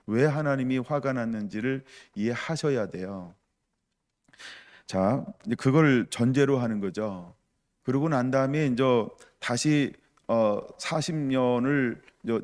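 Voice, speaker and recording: A man preaches a midweek sermon in an easy, conversational tone, at a middle pitch. He acts out the grumbling of the people in his story and turns to his listeners with direct questions. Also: a little mellow. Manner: conversational preaching, acts out voices of the crowd, asks the congregation questions. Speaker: pastor.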